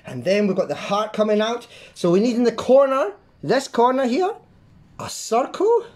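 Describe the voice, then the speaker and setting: Lively art-class host making sound effects. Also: mid-range voice, normal speed. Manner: lively, makes playful sound effects while drawing; keeps checking in with the viewer. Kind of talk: drawing lesson for kids.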